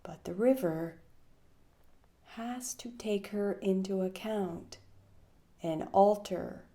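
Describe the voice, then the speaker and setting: Speaking at a medium pitch with a mellow quality, a woman reads poetry while guiding listeners through meditation. She is soothing and pauses for long stretches, breath trailing off as phrases close.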